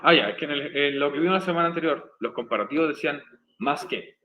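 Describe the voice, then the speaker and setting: A man's voice: on the high side, fast, dull audio, a little hiss or hum. A male English teacher, patiently explaining grammar step by step in a recorded online class. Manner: patient, repeats and spells out each step.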